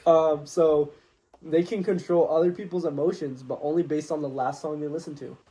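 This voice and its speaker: A young man co-hosting a podcast, casually pitching silly superhero ideas and teasing his friend. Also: fairly even intonation, moderate pace, warm tone. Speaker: podcast co-host. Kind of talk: casual comedic chat.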